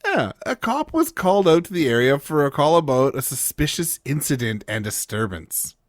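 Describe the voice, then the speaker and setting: A man hosting a podcast, telling a crime story with plenty of swearing and jokes. His pitch moves around a lot as he talks. The sound is dry and close. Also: moderate pace, no room sound. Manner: swearing, joking, lively storytelling. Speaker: podcast host.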